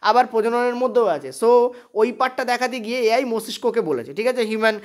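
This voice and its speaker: West Bengal Bengali accent, exam-prep teacher, online lesson, rapid delivery, frequent "okay?" check-ins, mixes in English terms. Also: mid-range voice, lively intonation. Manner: thinks aloud while checking notes.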